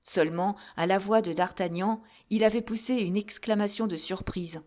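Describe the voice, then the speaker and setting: A woman narrates a classic novel as an audiobook reader. Her telling is steady and measured between the characters' lines. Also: mid-range voice.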